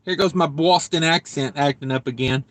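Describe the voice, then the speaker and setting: Speaking at a normal pace from his truck cab, a young trucker with a high, bright voice chats loosely on a live stream, joking and reading out viewer comments. The audio is close and dry, with no room echo.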